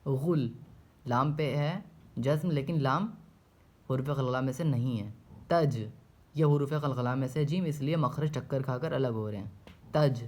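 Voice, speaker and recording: A man teaching Quran reading, slowly drilling single syllables and repeating each one several times with deliberate, drawn-out pronunciation. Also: medium pitch, darkish tone. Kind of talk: slow step-by-step recitation lesson.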